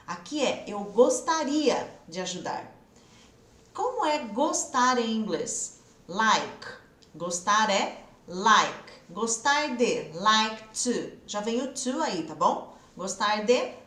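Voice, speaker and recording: A woman from Brazil gives an online English lesson, pitched a little high. She keeps her students going with encouragement and says each English phrase slowly. Her voice echoes in the room. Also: fairly bright tone. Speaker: English teacher.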